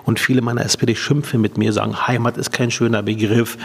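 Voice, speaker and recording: A man interviewing two young women, asking gentle questions with many hesitations and fillers. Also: mid-range voice, little pitch movement, quick pace, creaky, big-room sound, a little hiss or hum. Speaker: interviewer, party politician.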